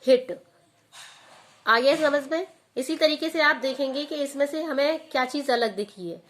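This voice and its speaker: High-pitched woman teaching grammar online, keeps asking the class then answering herself. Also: measured pace. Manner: asks questions then answers them herself.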